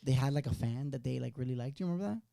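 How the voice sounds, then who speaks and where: A man in his late twenties rattles off rambling, profane stories in a quick, gravelly, mellow voice. He co-hosts a casual chat podcast and is recorded in a dry space. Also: mid-range voice, animated, dry recording. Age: late 20s. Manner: rambling, profane, slangy storytelling. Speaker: podcast co-host.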